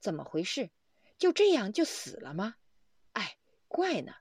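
A woman's voice: medium pitch, huge pitch swings, a little slow, a little mellow, slightly rough, no room sound, clean studio sound. A woman reading a Buddhist story aloud, narrating expressively and often breaking into exclamations. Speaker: reader of a Buddhist text.

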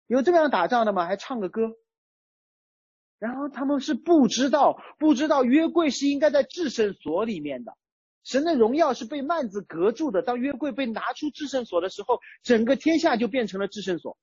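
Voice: high voice, lively intonation, a little fast, a little mellow, husky, no room sound, dull audio. A preacher giving a sermon in a conversational way, using everyday examples. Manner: conversational, uses everyday chat-group analogies. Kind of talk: sermon on a psalm.

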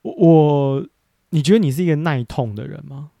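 A man hosting a podcast, chatting casually and telling stories with animated exaggeration. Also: a little high, moderate pace, vocal fry, no room sound, studio quality. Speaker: podcast host. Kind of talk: casual chat.

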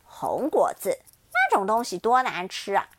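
A woman's voice: mid-range voice, sing-song, moderate pace, background noise, pitched below the performer's own voice, natural voice. A woman voicing a menacing adult male tyrannosaurus who taunts and laughs in a storybook tale. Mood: taunting.

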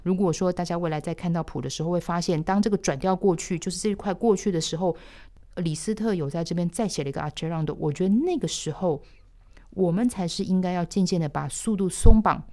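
A woman explaining a piano score step by step in a thoughtful way, sometimes trailing off softly. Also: fairly low pitch, fast talker. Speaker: piano teacher. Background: piano playing.

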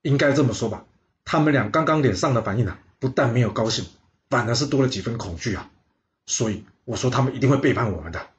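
A man's voice: mid-range voice, expressive, fast talker, highs cut off, natural voice. A man voicing a cautious adviser who pleads earnestly with his lord. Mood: worried. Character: worried, cautious male adviser.

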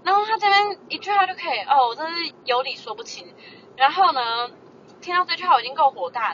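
A young woman, co-hosting a podcast and telling an exasperated, animated story while mimicking other people's voices. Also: high-pitched. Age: early 20s. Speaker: podcast co-host. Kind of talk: casual chat, ranting storytelling. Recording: dull lo-fi audio with faint noise.

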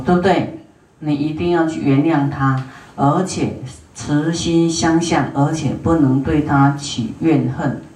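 Buddhist nun lecturing in a roomy hall. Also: female voice, deep voice, darkish tone. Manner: unhurried, with many drawn-out "ah" fillers; asks the audience questions and to raise hands. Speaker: Buddhist dharma teacher. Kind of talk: dharma lecture to an audience. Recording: roomy hall sound, voice from a distance.

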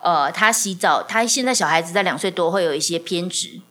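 A woman's voice: lowish voice, brisk. A woman, a podcast host telling stories in casual conversation and acting out dialogue. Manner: animated, acts out dialogue with frequent laughter. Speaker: podcast host and communication teacher.

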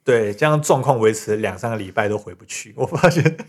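A man's voice: fairly low pitch, lively intonation, a little mellow. A man, casually retelling a story in a podcast chat, laughing often. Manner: rapid, laughing storyteller, trails off with 这样子. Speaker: podcast co-host.

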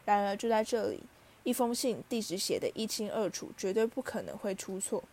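A woman's voice: medium pitch, animated, fairly quick, a little mellow. A woman reading a children's novel aloud, narrating steadily and expressively. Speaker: audiobook reader.

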